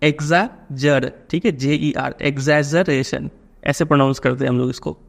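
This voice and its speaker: A man's voice: medium pitch, steady tone, fast, creaky. A man with an Indian accent, a teacher explaining a poem to students in a patient way, often checking that they follow.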